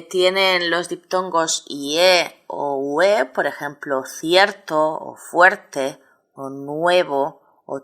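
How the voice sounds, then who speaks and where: A woman's voice: low voice, a bit bright. A woman teaching a grammar lesson, explaining step by step with many examples. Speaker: Spanish teacher.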